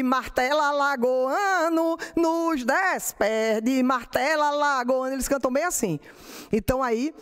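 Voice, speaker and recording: A middle-aged woman with a Brazilian Portuguese accent, a lecturer and poet who explains verse forms and recites her own poems slowly. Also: fairly high pitch, darkish tone.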